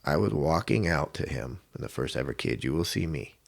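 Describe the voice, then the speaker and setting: A man with a very low, deep voice tells a story as a guest on a podcast. He is a middle-aged coach from Washington state. He slips into other people's lines with sudden jumps in pitch. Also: a little fast, gravelly. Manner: animated storyteller, acts out quotes with big pitch jumps. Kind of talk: casual storytelling interview.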